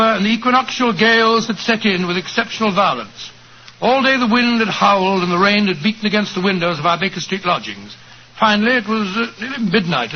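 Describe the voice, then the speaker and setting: Genial, avuncular older doctor for a vintage radio drama; high voice, muffled old broadcast with light hiss. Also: male voice. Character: elderly English doctor narrator, genial storyteller. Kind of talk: 1940s radio acting.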